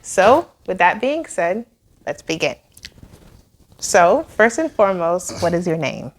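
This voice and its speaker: A woman hosting a podcast, asking short interview questions and giving soft backchannel replies. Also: lowish voice, big pitch swings, a little slow. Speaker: podcast host.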